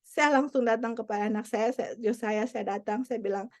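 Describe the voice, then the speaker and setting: A woman's voice: a little high, moderate pace, a little mellow. A woman preaching a sermon, earnest and repetitive, mixing English phrases into her teaching. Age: adult parent. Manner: earnest, repeats key points.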